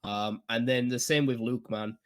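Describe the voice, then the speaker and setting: A man, chatting casually and nostalgically on a podcast, laughing often and filling pauses with ums. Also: mid-range voice, fairly even intonation, fairly bright tone, clean tone. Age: 20s. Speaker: podcast co-host. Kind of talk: casual chat.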